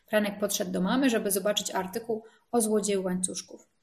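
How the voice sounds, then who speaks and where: A woman narrating a children's storybook with gentle, expressive storytelling. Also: mid-range voice, brisk, gravelly.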